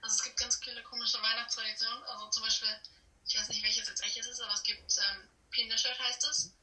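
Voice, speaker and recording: A teenage girl from Germany, an exchange student being interviewed over a distant, echoey phone or video call, chats casually in an effusive, self-deprecating way. Her voice is on the high side, bright and forceful, with little pitch movement, and she talks fast.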